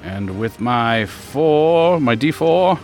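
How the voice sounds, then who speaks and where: A man's voice: mid-range voice, animated, takes it slowly, a little mellow, faint music behind. A man chatting casually as a player in a tabletop game.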